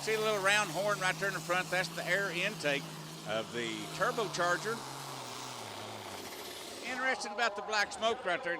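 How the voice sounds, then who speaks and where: A man calling a tractor pull as an announcer, in a folksy, colloquial way with clipped phrases. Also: sits high. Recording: loud engine and vehicle noise. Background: roaring engines, outdoor vehicle noise.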